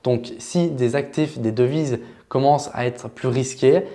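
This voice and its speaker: Un homme à la voix de hauteur moyenne explique des notions d'économie à des débutants. Son ton est familier et détendu, parsemé de petites hésitations. Il tutoie et vouvoie son public comme un formateur en ligne. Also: male voice, mid-range voice, measured pace. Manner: relaxed, chatty explaining with filler words. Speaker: trading educator. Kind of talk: casual explanatory lesson.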